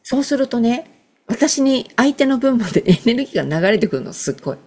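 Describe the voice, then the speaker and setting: A middle-aged woman chatting casually as a guest, telling animated stories and acting out the voices of people she quotes. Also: a little high, fairly quick, slight background noise. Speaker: guest, emotional wellness practitioner. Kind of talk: casual podcast conversation.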